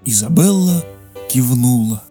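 Mellow storybook narrator. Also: medium pitch, expressive, a little slow, soft background music.

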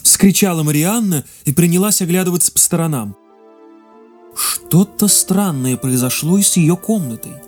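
A narrator reading a fairy tale in a measured, expressive way. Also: medium pitch, soft background music. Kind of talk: storybook narration.

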